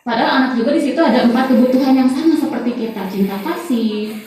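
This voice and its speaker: A woman's voice: high-pitched, fast talker. Woman, teacher, workshop presentation, chatty, filler words, far from mic, very echoey room. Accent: Indonesian. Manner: chatty, many fillers, frequent soft laughs. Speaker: teacher presenting a training module.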